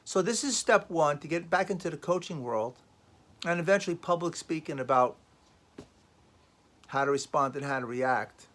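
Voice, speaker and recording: Emphatic, rambling man with a higher voice. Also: lively intonation, moderate pace, pauses often, a bit bright. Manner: rambling, emphatic, repeats phrases. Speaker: life coach. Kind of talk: casual motivational vlog talk.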